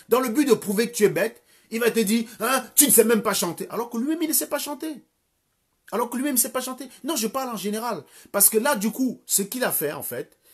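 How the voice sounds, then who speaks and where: A man's voice: high-pitched, breathy edge. A man in his thirties ranting scornfully and crudely during a live stream from home. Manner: insulting, crude, scornful rant. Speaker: livestream commentator.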